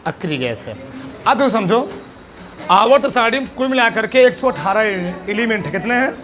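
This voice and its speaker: This male lecturer's voice sits high and sounds a bit bright, animated at a normal pace. Teaching his class, he poses questions and supplies the answers himself. He hammers each one home through repetition.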